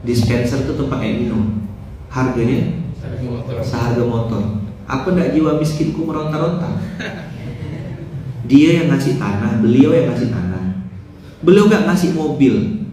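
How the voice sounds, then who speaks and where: A man giving a lively, joking dawn sermon and putting rhetorical questions to his listeners. He is getting over mouth ulcers and speaks with care. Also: medium pitch, measured pace, pauses often. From West Kalimantan, Indonesia. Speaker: preacher. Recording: roomy, distant mic, faint background noise.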